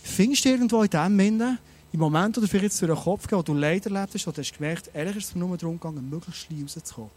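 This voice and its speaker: A man preaching a sermon, animated and speaking straight to his listeners with many rhetorical questions. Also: high voice, very fast.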